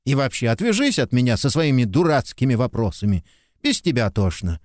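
A man giving voice to a short-tempered soldier who snaps and mocks. His pitch swings widely as he scolds. The sound is dry and close. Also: very animated, fairly quick, a little mellow, no echo, close to an everyday voice. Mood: scolding. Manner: curt, scolding, sarcastic. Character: gruff irritable male soldier, sharp-tongued. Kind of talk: audiobook character reading.

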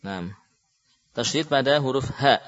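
Slow chanting male recitation teacher. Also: mid-range voice, a bit bright. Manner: slow, drawn-out chanting of example words; patient explaining with frequent "ya" and "nah". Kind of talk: classroom instruction with call-and-repeat. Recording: dull lo-fi recording in a reverberant hall.

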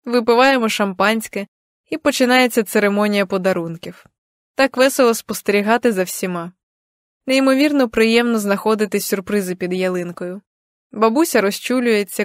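A young adult woman narrating an audiobook in the first person, with even, gentle storytelling. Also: medium pitch, moderate pace, no room sound, clean studio sound.

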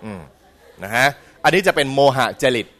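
A middle-aged man giving a humorous dharma talk in a school hall. He is animated, mimics voices for comic effect and keeps asking the audience questions. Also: medium pitch, normal speed. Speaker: Buddhist lecturer.

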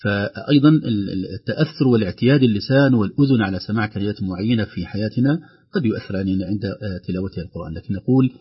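A man teaching Quran recitation on a radio lesson, explaining calmly and slowly chanting verse examples. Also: on the low side, slightly rough, muffled recording.

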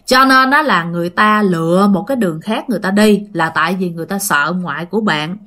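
Speaking fast in a fairly low, pushed and bright voice, a woman narrates ghost stories for her channel. She has a Southern Vietnamese accent, chats straight to her audience, and fills her storytelling with fillers.

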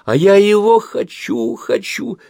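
Man voicing a spoiled little girl, whiny, high-pitched, storybook reading, dry close sound. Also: sing-song, slow, vocal fry, warm tone, dry recording, heavily acted. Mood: whining. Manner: whiny, pleading. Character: six-year-old girl, spoiled and tearful.

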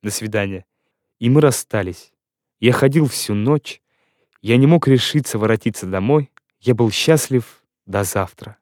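A man narrating a classic novel in the first person, with ardent and expressive delivery. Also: mid-range voice, unhurried, no room sound, studio quality. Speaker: audiobook narrator.

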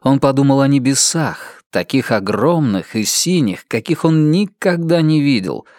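A male audiobook narrator reads with calm, even pacing in a mid-pitched voice. The recording is dry and close, with no room around it. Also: unhurried, no echo. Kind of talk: scripted narration.

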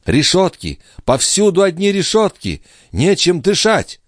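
Male reader doing a high, wailing young woman for a storybook, defiant and desperate, dry close sound. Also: expressive, moderate pace, no echo, natural voice. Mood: furious. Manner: sobbing, pleading, shrill outbursts.

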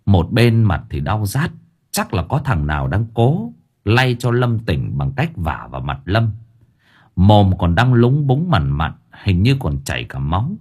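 A man narrating a scripted audiobook story in an expressive storytelling manner. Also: lowish voice, unhurried, breathy edge.

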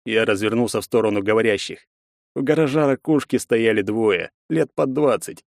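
A man's voice: fairly low pitch, moderate pace, creaky, dry recording. Man narrating an audiobook, dry sound. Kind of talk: first-person audiobook narration.

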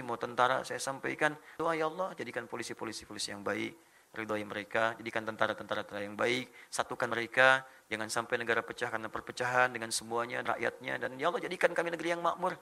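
Gravelly, bright-voiced male preacher. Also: medium pitch, fast. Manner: animated, mimics foreign phrases. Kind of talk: sermon.

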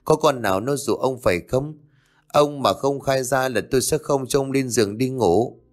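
A man voicing a domineering middle-aged landlord's wife who scolds and gives sharp commands. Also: medium pitch, moderate pace, natural voice. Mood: stern commanding.

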